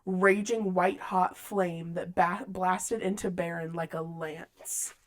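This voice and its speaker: A woman's voice: lowish voice, steady tone, slow. Chatty woman recapping a book. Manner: reads book passages aloud between chatty recaps. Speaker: podcast host. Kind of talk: casual book-club chat.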